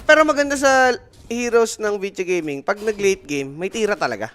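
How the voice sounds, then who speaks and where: A man jokes and banters in casual commentary. His voice is high and swings widely in pitch, with faint noise behind it. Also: animated, normal speed, fairly bright tone. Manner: joking, banters with co-hosts. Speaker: esports co-caster.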